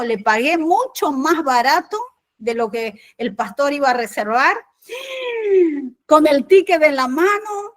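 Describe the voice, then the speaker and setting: An Argentine woman preaching a sermon, telling a personal story and acting out the dialogue with animation. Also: high-pitched. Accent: Argentine Spanish.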